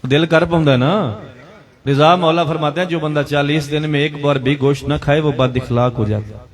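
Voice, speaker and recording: A man with a Punjabi accent reciting a Shia majlis sermon, telling a story in mixed Urdu and Punjabi and calling out to the crowd. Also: fairly high pitch. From Pakistan. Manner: mixes Urdu and Punjabi, dramatic storytelling with chanted calls to the crowd.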